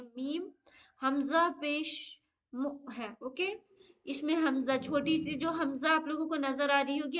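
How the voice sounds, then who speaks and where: A woman's voice: high voice, a bit bright. A woman teaching an online lesson on Quran recitation rules, explaining each step patiently and often saying okay. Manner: slow drawn-out chanted Arabic recitation.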